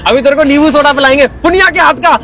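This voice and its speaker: A man's voice: extremely high pitch, quick pace, loud music behind the voice. A man hosting a casual prank vlog, repeating himself in a soothing, urgent way and talking to his viewers.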